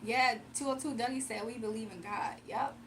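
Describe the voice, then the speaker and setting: A woman doing card readings on a live stream talks casually with viewers, reads their comments out and laughs often. Her fairly high, fairly bright voice moves a little fast and sounds slightly strained while recovering from almost losing it, with a little hiss or hum in the audio.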